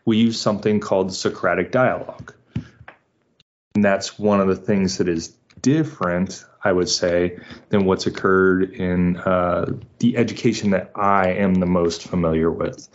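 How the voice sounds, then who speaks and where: A man in his forties, a homeschooling father, explaining methodically in an interview, checking in with "right?" and filling pauses with "uh". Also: sits low, steady tone. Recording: muffled lo-fi audio.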